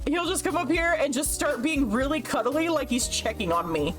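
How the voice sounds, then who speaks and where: A woman's voice: sits high, expressive, normal speed, faint music behind. A woman streaming live from her desk at home, chatting in a rambling, casual way and laughing often.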